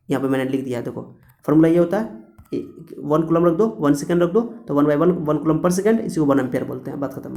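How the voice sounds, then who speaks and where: A man's voice: fairly high pitch, creaky, warm tone. A male teacher giving a chatty classroom physics lecture, repeating points and laughing at his own jokes.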